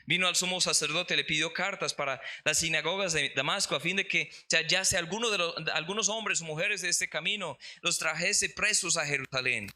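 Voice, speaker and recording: Pastor guy preaching, really bright ringing voice, kinda high, slows down to hit the verses. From Colombia. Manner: reads scripture aloud, slows for emphasis. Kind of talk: sermon.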